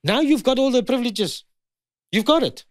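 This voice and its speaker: A man's voice: extremely high pitch, animated, normal speed, no room sound, studio quality. A South African man in his fifties, a guest in a heated conversation, pressing and repeating his points. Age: 50s.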